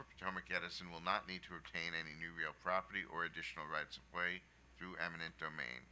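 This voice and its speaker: Low voiced guy lawyer reading a formal briefing, really sharp bright tone, bit of background noise. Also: rough recording. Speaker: staff counsel. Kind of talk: formal prepared presentation to a commission.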